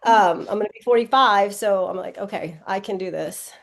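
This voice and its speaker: The guest athlete, a woman in her forties, speaks at a moderate pace in a gravelly mid-range voice. Her casual interview answers ramble and self-correct, peppered with "um" and "like."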